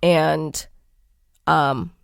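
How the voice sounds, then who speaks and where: A woman's voice: low-pitched, steady tone, extremely slow, creaky, clear, resonant tone, no room sound, studio quality. A woman co-hosting a podcast in casual chat, sick with a cold that makes her voice nasal, playful and laughing often. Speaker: podcast co-host.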